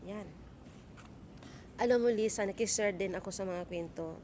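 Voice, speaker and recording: A woman's voice: mid-range voice, moderate pace, mellow, a little hiss or hum. A middle-aged woman vlogging in a casual rant, indignant and scolding, with lots of rhetorical questions. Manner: talkative, asks rhetorical questions.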